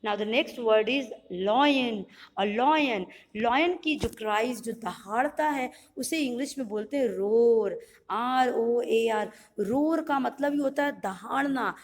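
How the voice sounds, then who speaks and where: A woman from India teaching English vocabulary, spelling words out letter by letter and repeating them in a slow drill. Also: high-pitched. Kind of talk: bilingual vocabulary lesson. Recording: long hall reverb.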